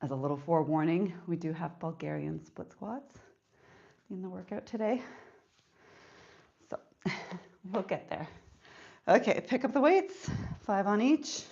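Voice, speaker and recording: A woman's voice: fairly low pitch, measured pace, vocal fry, a little mellow, lo-fi sound. A woman fitness instructor leading a live workout, counting reps aloud and getting out of breath between sets.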